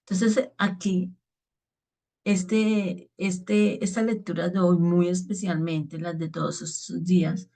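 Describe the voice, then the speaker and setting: A woman preacher speaks in a somewhat low voice, giving an earnest reflection on the daily gospel. She keeps checking in with her listeners as she talks. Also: level tone, slow, warm tone.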